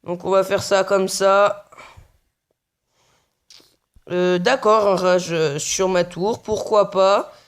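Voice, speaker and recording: A man's voice: high-pitched, steady tone, slow pace, pauses often, clean tone. A young man giving casual, muttered play-by-play commentary on his own mobile game match, swearing often. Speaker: gaming video creator.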